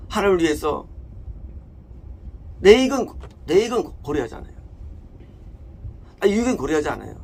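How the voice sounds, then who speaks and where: A man's voice: high-pitched, very animated, brisk, gravelly, long pauses, a little mellow, husky. A man preaching a sermon as a pastor, emphatic, asking questions and answering them himself. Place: church.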